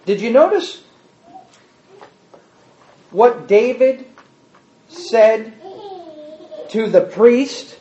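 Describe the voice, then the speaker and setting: A man with an extremely high voice speaks very slowly, pausing often, as he teaches a Bible class. He's animated and conversational, acting out quotes and asking the room questions. The recording is roomy, dull and lo-fi, with a little hiss or hum.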